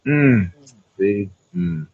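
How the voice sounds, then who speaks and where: A man's voice: fairly low pitch, drawn-out words, husky, narrow, tinny audio. A man talking casually as an interview guest, rambling and often checking in with the listener. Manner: rambling, repeats "you know what I'm saying". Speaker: cigar brand owner being interviewed.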